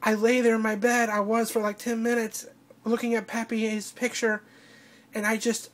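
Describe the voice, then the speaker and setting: A tearful woman records a personal video diary in a flat, even voice that barely rises or falls. She speaks haltingly, trailing off and starting her sentences over as she cries. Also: a little high. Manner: halting, with broken-off restarts. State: crying. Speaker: vlogger.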